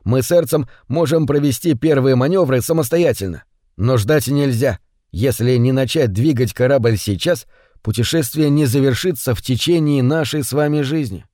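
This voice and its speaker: A man's voice: mid-range voice, moderate pace, warm tone, dry recording, clean studio sound, close to an everyday voice. A man voicing an earnest young male officer who speaks urgently.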